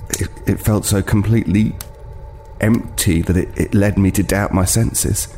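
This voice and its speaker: A fairly low-pitched man with a dark tone and fairly even intonation speaks at normal speed, lightly acted, over slight background noise. In an audio drama he plays an uneasy homeless man narrating a frightening tale in the first person, hesitant, brooding, and stumbling over words, with a haunted mood.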